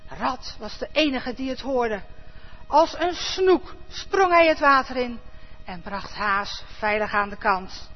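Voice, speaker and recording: A woman reads a children's story aloud in a church service, slowly and expressively, doing the animals' lines. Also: a little high. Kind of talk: reading a picture book aloud to children. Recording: muffled, echoey church hall.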